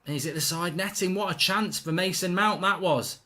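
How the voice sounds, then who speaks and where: Brisk and bright, this high-pitched male voice sounds pushed as he hosts a live football watchalong. Between reactions to the play he reads viewers' messages aloud, keeping it blunt and chatty with a bit of light cursing.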